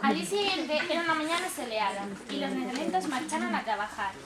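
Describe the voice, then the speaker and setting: A woman's voice: sits high, lively intonation, fast talker, a loud crowd. A young woman narrating a scripted children's fairy tale in a school play. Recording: echoey stage, far mic, audience noise.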